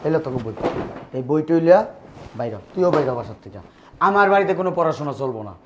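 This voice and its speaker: A harsh older brother, played by a man, who scolds dismissively. His voice sits fairly high and moves at a brisk clip. He sounds bossy and contemptuous throughout. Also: big pitch swings, dull audio, background noise. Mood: scolding.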